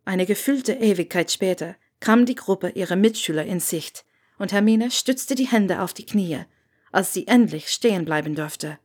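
A woman reading a fan fiction story aloud in a steady, expressive way. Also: medium pitch, moderate pace, breathy edge. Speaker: audiobook reader.

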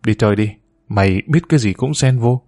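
A worried grown daughter speaks earnestly, coaxing her upset mother toward calm, as a man reading the story voices her. The voice stays at a plain middle pitch. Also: a little fast, close to an everyday voice.

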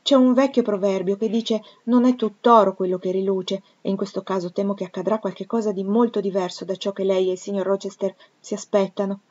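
A woman reading a cautious, worried elderly widow housekeeper, who gives earnest, measured warnings. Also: mid-range voice, flat delivery, darkish tone, highs cut off, lightly acted.

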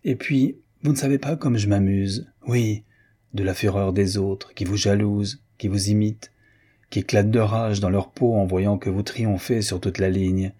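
A man's voice: on the low side, steady tone, normal speed, warm tone, slightly rough. A man voicing a chatty, teasing aristocratic Parisian woman in an audiobook, with a mocking, gossiping manner. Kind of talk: audiobook reading.

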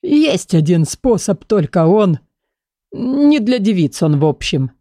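A woman voicing a hoarse, self-important old male magic book who talks slowly and hesitantly in an audiobook. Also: mid-range voice, sing-song, mellow, no echo, studio quality. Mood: pompous, hesitant. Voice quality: husky, wheezy. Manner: slow, hesitant, hemming with pauses. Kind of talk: audiobook character voice.

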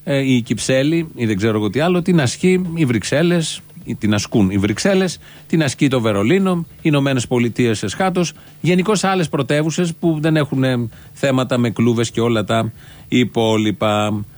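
A man's voice: mid-range voice, animated, a little mellow. A man hosting a satirical show, giving scornful political commentary full of rhetorical questions.

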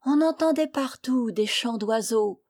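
A woman reading a classic short story aloud, with theatrical delivery that moves between hushed whispers and loud exclamations. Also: a little high, measured pace. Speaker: reader. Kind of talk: expressive literary reading.

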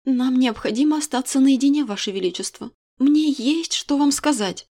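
A woman voicing a defiant, sharp-tongued young heroine who speaks in a heated, indignant way in an audiobook. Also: high voice, normal speed, voice pushed up. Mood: restrained.

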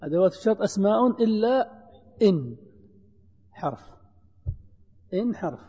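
A man's voice: sits high, sing-song, normal speed, warm tone, breathy edge. A man teaching a grammar lesson in a classroom style, patiently explaining, repeating examples and putting questions to his students. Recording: dull lo-fi lecture recording in a reverberant hall.

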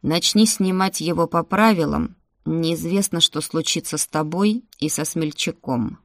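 A woman doing an old shaman man, deep, slow and measured, quiet and cryptic, calm storybook mystic. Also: no room sound, studio quality. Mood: grave, cryptic. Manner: slow, low, measured pronouncements. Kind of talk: audiobook character voice.

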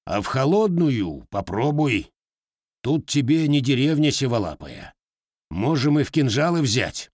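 A man's voice: mid-range voice, big pitch swings, a little slow, a little mellow, no echo, studio quality, voice pushed up. A man voicing a proud, blunt male Cossack blacksmith in an audiobook, curt and contemptuous. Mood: stern.

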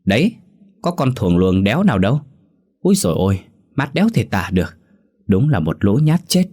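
A man's voice: medium pitch, sing-song, normal speed, voice pushed up. A man voicing a drunk, brash young village man who slurs and talks crudely. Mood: taunting. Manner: slurred, drawling and crude.

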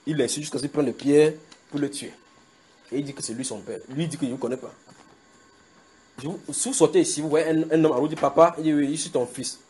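A man preaching a sermon at a house church, slowly repeating scripture and checking in with the congregation. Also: fairly high pitch, dark tone, slightly rough. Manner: emphatic, repeats scripture slowly with call-and-response tags to the congregation. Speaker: pastor.

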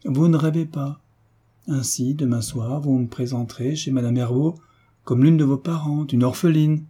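A man's voice: medium pitch, normal speed, dark tone, husky, lightly acted. Man reading a commanding young heiress. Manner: firm, clipped orders. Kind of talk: audiobook character reading.

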